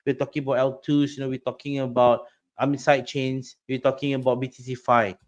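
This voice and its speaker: A middle-aged man from Singapore chats on a podcast, rambling and excitable, with words that trip over each other. His pitch sits in a plain middle range. He talks casually, as if among friends. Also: fairly quick, highs cut off. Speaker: crypto project guest.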